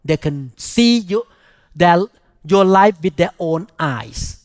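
An older man from Thailand preaches with a Thai accent in a notably high voice. He speaks in short, emphatic chunks and often repeats a phrase to press it home. The sound is dry, with very little room around it. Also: animated, takes it slowly, no echo. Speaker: pastor preaching. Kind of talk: sermon.

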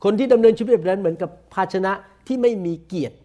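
A man with a Thai accent preaching a sermon, saying each point in slow, deliberate English and then repeating it quickly in Thai. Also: sits high, highs cut off. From Thailand. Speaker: pastor. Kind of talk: bilingual sermon, self-translating.

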